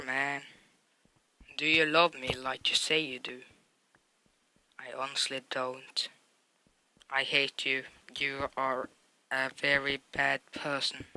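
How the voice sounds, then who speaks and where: A young man with a gravelly, very bright voice that sits a little high for a man. He talks slowly and answers viewer questions in a blunt, deadpan way, like a casual gaming vlog.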